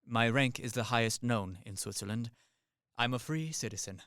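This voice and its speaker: In a stage-comedy radio play, a man acts as a practical Swiss army captain in his thirties, boasting in a matter-of-fact, emphatic way as he reels off lists and figures. His natural voice is medium-pitched, fairly bright and smooth at a moderate pace. The recording is dry with clean studio sound.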